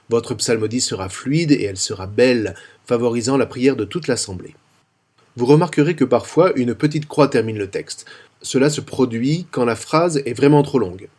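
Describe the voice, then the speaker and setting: Man giving a psalm singing lesson, steady careful diction, middle pitch. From France. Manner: calm, clear, carefully articulated explanation. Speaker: liturgical singing teacher. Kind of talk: instructional tutorial with sung psalm examples.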